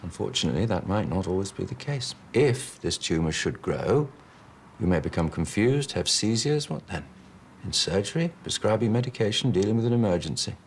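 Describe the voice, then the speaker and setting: A man's voice: fairly low pitch, lively intonation, a little fast, slight background noise. A man playing a stern, restrained senior surgeon in a TV hospital drama, speaking in a clipped, precise, formal way. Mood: grave, measured. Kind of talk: scripted TV drama dialogue.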